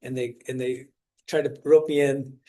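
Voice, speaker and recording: A swami in his forties from the United States gives an informal spiritual talk to students, conversational in manner, often restarting phrases and pausing to quiz his listeners. His mid-range voice is warm, with flat delivery at a moderate pace.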